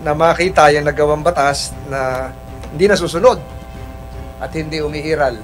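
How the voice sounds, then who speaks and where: A man's voice: a little high, normal speed, faint music behind, poor audio. A man chairing a hearing, speaking formally with frequent hesitations. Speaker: committee chair. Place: legislative hearing room.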